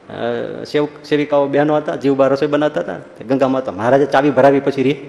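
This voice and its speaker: A man giving a humorous religious talk, telling anecdotes in a lively storytelling way and acting out the people in them. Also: medium pitch, quick pace, creaky, dull audio. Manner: storytelling, animated, acts out quoted voices. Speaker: preacher. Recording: long hall reverb.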